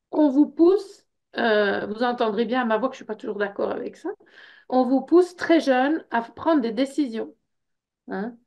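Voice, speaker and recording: The sound is lo-fi, carrying a fairly high, slightly mellow voice. It's a middle-aged Belgian woman, Belgian French accent, informally presenting an information evening about a personal development workshop, chatty and filled with fillers and repeated "hein".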